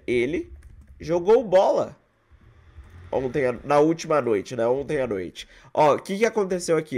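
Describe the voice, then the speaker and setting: Animated Brazilian English teacher. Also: male voice, fairly high pitch. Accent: Brazilian Portuguese. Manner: lively, addresses viewers directly, models English phrases slowly. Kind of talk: online English lesson. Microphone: close microphone.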